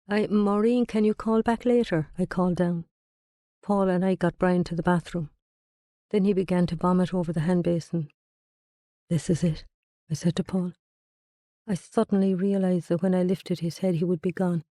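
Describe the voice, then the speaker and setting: A middle-aged woman reads her own memoir aloud, slow and quiet, with long pauses. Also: lowish voice, no room sound, clean studio sound. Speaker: narrator. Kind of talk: memoir reading.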